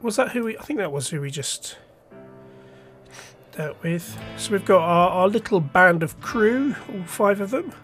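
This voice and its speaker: Over soft background music, a let's play host comments casually on his game, thinking aloud and restarting as he goes. A cold has left his nose stuffy and his voice slightly nasal; it's high-pitched and a bit bright, with lively intonation and a measured pace.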